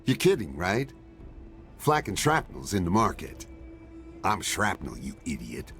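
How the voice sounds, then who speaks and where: A man's voice: sits low, wildly swooping pitch, a little slow, gravelly, a bit bright, soft background music, exaggerated voice. An actor playing a curt, impatient male arms dealer at a market in a video game. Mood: surly. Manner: brusque, impatient. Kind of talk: video game character dialogue.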